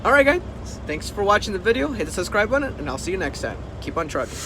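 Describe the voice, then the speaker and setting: A fast-talking trucker who hosts videos addresses the camera in a casual vlog, his voice sitting high with a sing-song lilt. He urges his points with emphasis and repetition, recorded against noisy vehicle and outdoor sound.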